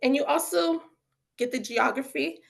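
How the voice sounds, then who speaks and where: A woman with a high voice and vocal fry speaks at a normal pace while giving a casual webinar as an author and educator. She's chatty and full of fillers like "um" and "you know," and clearly excited about how children learn.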